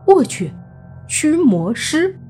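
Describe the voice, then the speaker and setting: A woman voicing a startled young man who reacts with blunt, loud exclamations. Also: on the high side, big pitch swings, moderate pace, soft background music, voice pushed up. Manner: surprised exclamations.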